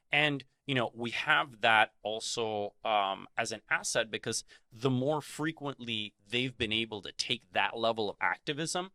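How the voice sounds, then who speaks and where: A man co-hosting a podcast, speaking in a measured way with many pauses and fillers. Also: medium pitch, sharp tone, no echo. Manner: measured, many ums and you-knows. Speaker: podcast co-host. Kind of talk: conversational advocacy discussion.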